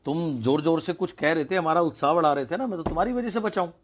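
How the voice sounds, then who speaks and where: A man voicing a hard-of-hearing male frog who keeps asking others to speak louder. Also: a little high, quick pace, a little hiss or hum, pitched above the performer's own voice, close to an everyday voice. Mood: earnest.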